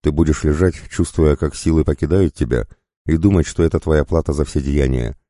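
A man's voice: a bass voice, steady tone, brisk, mellow, dry recording, clean studio sound. A man voicing a young prince, bitter and cold in his anger. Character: young boy prince, proud and vengeful.

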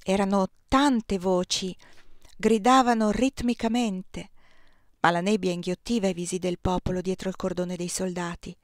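A woman reading a novel aloud in the first person, with an expressive, lively delivery. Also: mid-range voice, moderate pace, no room sound, clean studio sound. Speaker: audiobook reader.

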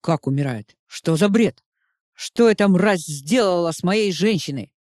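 A woman's voice: lowish voice, animated, measured pace, darkish tone, no echo. Woman doing a jealous vampire count, hot-headed and passionate, dry close sound. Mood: furious. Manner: passionate, pleading then raging.

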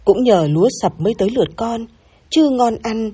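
A quick, hardworking daughter-in-law from the countryside, as a woman storyteller voices her, matter-of-fact and practical. The voice is breathy and warm, with faint music behind it. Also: on the high side, animated. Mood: brisk.

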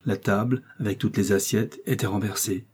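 A man narrating a classic novel as an audiobook, in a measured, grave storytelling manner. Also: fairly low pitch, steady tone, a little mellow, husky.

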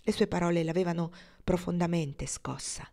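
A woman reading a novel aloud in calm, measured scripted narration. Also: lowish voice, vocal fry. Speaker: audiobook reader.

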